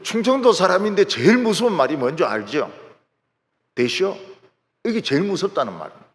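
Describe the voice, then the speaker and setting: Talking fast in a high voice, a pastor brings his sermon stories to life by performing the characters' lines. The long reverb of a large church sanctuary trails his words.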